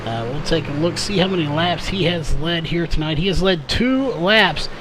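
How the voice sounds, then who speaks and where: A man calls a race live with play-by-play commentary, full of fillers and self-corrections. His voice is a little high with lively intonation and normal speed, but it sounds a little worn, as if he's slightly losing it. There is background noise.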